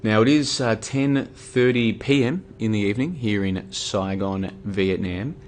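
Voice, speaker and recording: A man's voice: on the low side, measured pace, slight background noise. An Australian man talking casually on his livestream, argumentative and tired, with many fillers and restarts. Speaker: livestream host. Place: home room.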